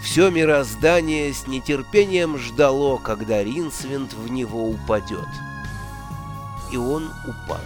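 A man narrating a fantasy audiobook in an expressive, theatrical reading style. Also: mid-range voice, measured pace, music in the background. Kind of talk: scripted narration.

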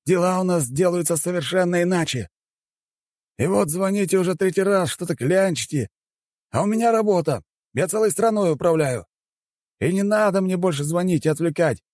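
An arrogant ruler who sneers and scoffs at anyone who bothers him, as a male audiobook reader puts him on. The voice sits well above the reader's own pitch and swings widely. It has a mellow, dry tone. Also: animated, normal speed, dry recording. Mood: scornful. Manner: mocking, dismissive, shouting at times. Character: arrogant, scornful male head of state. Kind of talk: audiobook character voice.

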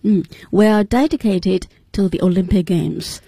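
A woman's voice: mid-range voice, unhurried, vocal fry, dark tone, husky, no echo, studio quality. A woman co-hosting a radio English lesson, repeating the words after the teacher and asking follow-up questions. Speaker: co-host of the lesson.

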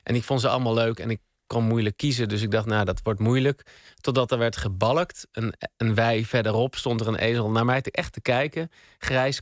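A man, a guest on a radio interview, telling a rambling story in a relaxed, meandering way with many fillers, at a studio microphone. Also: medium pitch, dry recording. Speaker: guest, spoken word artist.

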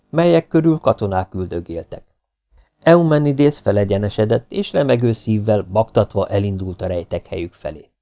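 A man reading an audiobook aloud in a steady, even storytelling manner. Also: fairly low pitch. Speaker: audiobook narrator.

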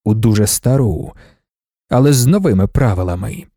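A man reading the part of an ancient godlike male emperor, calm and cryptic, with a slow, weighty delivery. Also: fairly low pitch, no echo, studio quality, pitched below the performer's own voice. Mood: measured.

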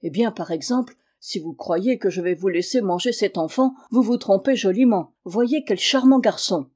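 A woman's voice: medium pitch, moderate pace, darkish tone, slightly rough, close to an everyday voice. A woman reading aloud and voicing an old mother who protects a boy and scolds her son. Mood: protective.

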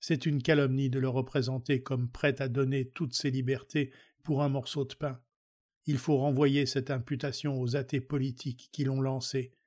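A man reads an old speech aloud at a steady, measured pace. His pitch sits in an ordinary middle register and barely moves, so the delivery stays level and even. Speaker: reader. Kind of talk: reading a historical speech aloud.

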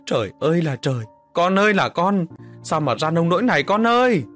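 A man's voice: fairly high pitch, very animated, a little fast, fairly bright tone, faint music behind, voice pushed up. A man doing a wailing grieving mother. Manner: wailing, sobbing.

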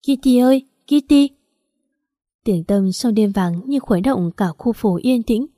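Woman, story narration, mellow tone, dry close sound. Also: mid-range voice, normal speed, breathy edge, no echo. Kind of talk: scripted narration of a romance story.

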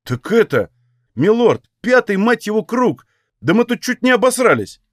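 Мужчина играет грубого крикливого мужика из трактира. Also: male voice, high-pitched, sing-song, a little slow, dry recording, clean studio sound, voice pushed up. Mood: indignant. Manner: shouting, coarse. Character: rough angry male tavern brawler, crude and defensive.

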